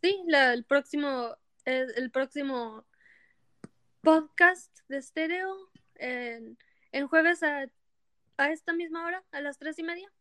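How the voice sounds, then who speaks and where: A woman's voice: high voice, slow, fairly bright tone, dry recording. A woman hosting a casual Spanglish podcast, speaking hesitantly and restarting her phrases as she goes. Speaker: podcast host.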